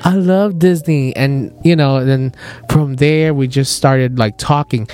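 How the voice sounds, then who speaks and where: A young man hosting a podcast, casually telling animated stories, laughing often and mimicking other people's voices. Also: medium pitch, unhurried, clean tone. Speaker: podcast host. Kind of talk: casual storytelling chat.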